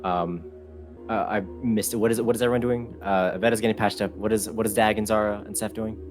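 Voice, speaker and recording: A man narrating a tabletop game as dungeon master, with a halting delivery full of ums and uhs. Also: fairly low pitch, level tone, music in the background.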